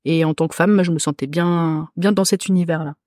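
A woman from Corsica, a podcast guest who reads runes, talking casually with many hesitant pauses. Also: sits low, fairly even intonation, a little mellow, dry recording, clean studio sound. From Corsica, France. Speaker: podcast guest, rune reader. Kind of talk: casual chat.

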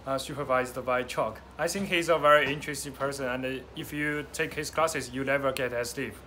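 A man from China, a student, introducing himself in a friendly, halting way. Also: mid-range voice, fairly even intonation, pushed and bright, slight background noise. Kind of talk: self-introduction.

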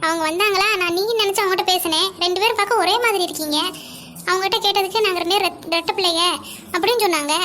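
A woman's voice: very high-pitched, very fast, pushed and bright, slight background noise. A woman voicing an earnest young college girl. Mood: pleading. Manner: pleading, earnest.

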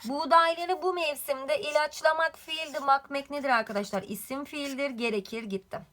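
A woman's voice: high-pitched, normal speed, a bit bright. A woman teaching a grammar lesson, quizzing the class with repeated questions.

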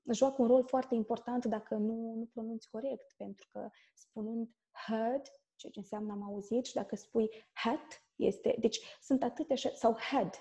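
A woman from Moldova with a Moldovan Romanian accent, an English teacher explaining pronunciation as an interview guest and often checking in with a quick "da?". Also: a little high, dark tone.

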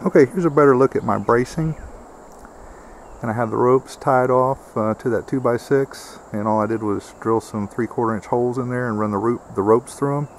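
A man's voice: medium pitch, normal speed, a little hiss or hum. A man giving a casual, step-by-step how-to walkthrough outdoors on a rural homestead, with plenty of filler words. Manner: plainspoken, many uh fillers, explains step by step. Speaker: homesteader demonstrating a build.

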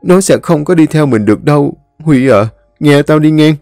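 A man's voice: medium pitch, animated, moderate pace, dark tone, no echo, faint music behind, pitched above the performer's own voice, lightly acted. A man voicing a terrified young man who pleads to flee a curse. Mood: panicked pleading. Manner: pleading, panicky.

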